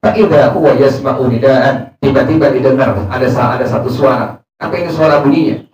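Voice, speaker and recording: A man's voice: medium pitch, fairly quick, darkish tone. A man teaching a religious study session, reading Arabic lines and explaining them in casual speech. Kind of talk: Islamic study sermon. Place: prayer room. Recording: echoey room, distant mic.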